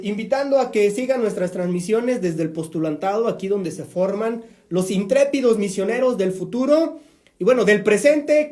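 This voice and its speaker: A Mexican priest hosts a live-streamed religious talk show, speaking at length in a chatty, preaching style with joking asides. His voice is mellow and dark yet high-pitched, and it bounces around an echoey room.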